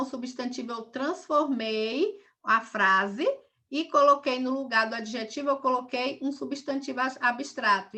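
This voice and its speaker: Bright-voiced woman teaching a class. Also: a little high. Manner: patient, repeats each example step by step. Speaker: primary school teacher. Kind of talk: recorded video lesson.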